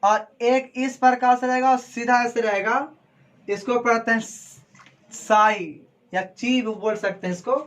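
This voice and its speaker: A coaching class teacher giving a slow, deliberate lecture at a board, putting questions to the class and then answering them. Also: mid-range voice. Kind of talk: classroom lecture, explaining physics prefixes and Greek symbols.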